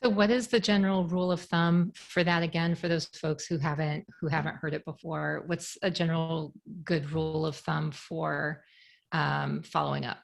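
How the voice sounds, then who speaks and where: Low, gravelly woman host. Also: little pitch movement, moderate pace.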